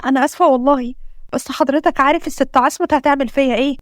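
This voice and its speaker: A woman's voice: high voice, steady tone, rapid-fire, no room sound, studio quality, natural voice. A woman with an Egyptian accent reading the lines of an anxious nanny begging to keep her job. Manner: apologetic, begging.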